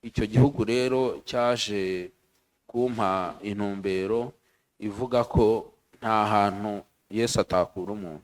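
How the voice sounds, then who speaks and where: A man's voice: lowish voice, fairly even intonation. Earnest man giving a church testimony. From Rwanda. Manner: earnest, pauses for interpreter after each phrase. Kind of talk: church testimony in short phrases.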